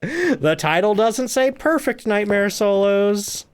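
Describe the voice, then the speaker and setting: A man's voice: high voice, sing-song, slow pace, clear, resonant tone. A man streaming a game live, chatting, reading viewer comments aloud and laughing often.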